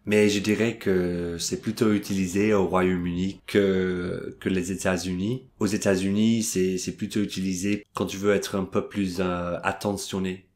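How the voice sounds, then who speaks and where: A man's voice: low voice, a little mellow. An Englishman speaking French as a second language, teaching English phrases in a hesitant way, with many fillers and restarts. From England. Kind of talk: video language lesson.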